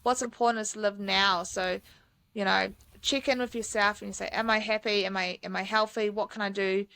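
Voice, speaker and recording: A woman talks as a guest on a podcast, enthusiastic and chatty, full of "um"s. Her voice is bright and clear, and the sound is dry and close. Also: mid-range voice, steady tone, fairly quick, no echo. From New Zealand. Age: 30s. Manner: enthusiastic, chatty, many fillers. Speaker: mountain guide, podcast guest. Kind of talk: casual interview chat.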